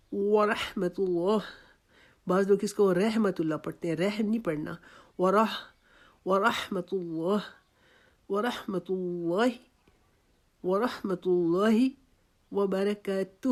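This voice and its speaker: A woman with a Pakistani Urdu accent teaching Quran recitation, patiently repeating words slowly and syllable by syllable. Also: fairly low pitch, dark tone. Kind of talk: tajweed lesson.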